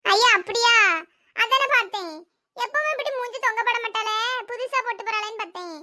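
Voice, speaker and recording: A woman's voice: very high voice, brisk, bright, forceful tone, heavily acted. A woman voicing a chatty, fussing older mother-in-law in a cartoon, with a Thoothukudi Tamil accent, heard a bit away from the mic. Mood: fussy.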